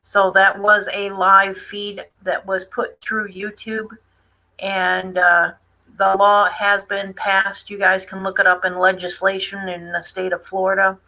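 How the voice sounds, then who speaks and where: A woman's voice: medium pitch, level tone, measured pace, sharp tone, poor audio. A woman hosting a casual live stream, chatty and defiant, with many fillers as she comments on a news clip. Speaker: online show host.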